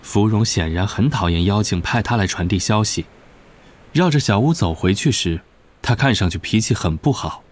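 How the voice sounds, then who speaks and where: A man reading a novel aloud as narrator, in a steady, even storytelling manner. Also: lowish voice. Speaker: audiobook narrator. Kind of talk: scripted narration.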